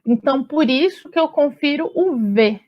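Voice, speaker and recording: A woman teacher with a voice that sits high explains things step by step at normal speed, patient and explanatory, with lively intonation. She checks in with her students often during this recorded online lesson, whose audio is muffled and lo-fi.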